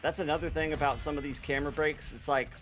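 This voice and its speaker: A man's voice: on the high side, fairly even intonation, fast talker, fairly bright tone, soft background music. A young man streaming a game live, chatting casually to his viewers in a laid-back, slangy way. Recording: noisy background.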